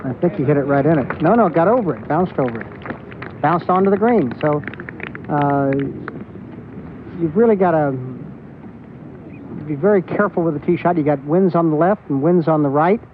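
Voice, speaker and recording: A man with a fairly high voice offers golf commentary in a conversational analyst's style. The broadcast sound is tinny, with clear noise behind it. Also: moderate pace, pauses often. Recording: tinny, noisy outdoor TV broadcast.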